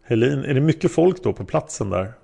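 A man's voice: medium pitch, animated, vocal fry, warm tone, husky, exaggerated voice. A man voicing a male prosecutor who questions a witness step by step, in a methodical way. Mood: probing.

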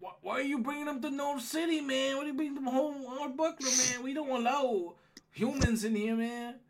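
A man's voice: very high voice, fairly even intonation, moderate pace, slight background noise, pitched above the performer's own voice. A man doing a blunt suspicious orc guard. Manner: says "man" a lot, casual street talk.

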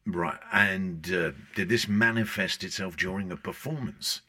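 An actor playing an earnest documentary presenter in a mockumentary, who asks probing questions. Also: male voice, low-pitched, unhurried, bright, forceful tone, husky, exaggerated voice. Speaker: host. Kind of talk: mockumentary narration and interviewing.

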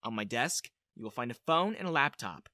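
Voicing an earnest, determined Russian woman spy who seeks shelter, the narrator speaks in audiobook-style dialogue with a businesslike urgency, pleading but resolute. The mid-range voice, pitched down, is animated, fairly quick, bright and forceful, in a dry, clean studio recording.

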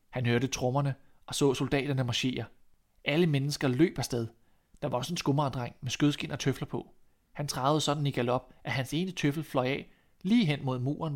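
A man reading a classic fairy tale aloud as narrator, in an expressive, measured storytelling manner. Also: mid-range voice.

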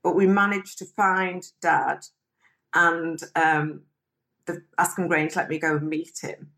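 A woman's voice: on the low side, fairly even intonation, slow, a bit bright. A woman, an interview guest telling her life story frankly and chattily. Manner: frank, chatty, mimics people when quoting them. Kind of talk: candid personal storytelling.

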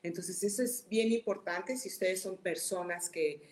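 A woman hosts a relaxed podcast conversation. She speaks conversationally, with many fillers. Her voice is mid-pitched and the room gives it a clear echo. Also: moderate pace. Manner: conversational, many fillers like "este", tells anecdotes. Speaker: podcast host. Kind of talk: casual chat. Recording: echoey room.

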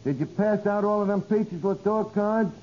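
A man's voice: high-pitched, moderate pace, darkish tone, close to an everyday voice. A male actor playing a dim but scheming, wisecracking tavern man in old radio comedy, with a New York accent and mock-earnest, ungrammatical talk. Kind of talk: 1940s-50s radio comedy acting. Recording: muffled, hissy old radio recording.

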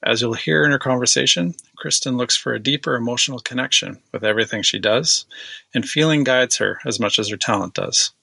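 A man reading a scripted introduction for a podcast, enthusiastic and warm in praise. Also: mid-range voice, brisk, gravelly, no echo. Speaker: podcast announcer.

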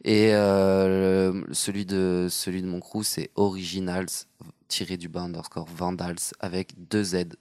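A man guesting on a podcast as a street artist, talking in a relaxed, loose, rambling way. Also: deep voice, measured pace, no room sound, studio quality. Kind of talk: casual podcast chat.

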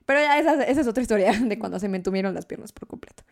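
A young woman, casually telling a story as a guest, animated and laughing often. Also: medium pitch, racing, gravelly. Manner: animated, laughs often, acts out quoted voices.

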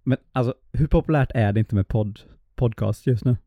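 A man's voice: mid-range voice, no room sound, phone-quality sound. A man with a mixed Småland and northern Swedish accent, chatting casually as a podcast co-host. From Småland, Sweden. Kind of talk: casual chat.

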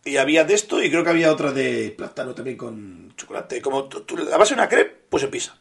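A man's voice: mid-range voice, expressive, fast, creaky. A man co-hosting a podcast, chatting casually, telling stories, joking and swearing freely. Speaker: podcast co-host. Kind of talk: casual chat.

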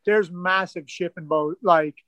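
A man's voice: high-pitched, a little slow, fairly bright tone, no echo. An Irish man from Ireland, a guest rower telling his story in a casual interview, rambling with lots of "like" and "kinda". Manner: rambling, full of "like" and "kinda" fillers.

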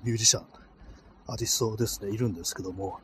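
Rambling low-voiced man on a night street. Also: fairly even intonation, racing, a bit bright, a little hiss or hum. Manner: rambling, hesitant, many fillers. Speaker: podcast host. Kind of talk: casual solo talk while walking. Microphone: phone held in cold hands. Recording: faint street ambience outdoors.

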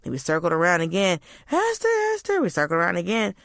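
Casual chat guest, woman, bright voice, dry close sound, lively storyteller. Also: rapid-fire, vocal fry, no room sound. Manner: animated storyteller, high squeaky voices for quotes.

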